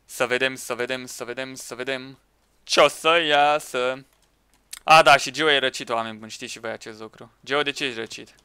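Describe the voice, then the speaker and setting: A man commenting on a Minecraft match with friends, excitable, shouting at teammates and laughing. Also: medium pitch, clean tone, dry recording. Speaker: gaming YouTuber.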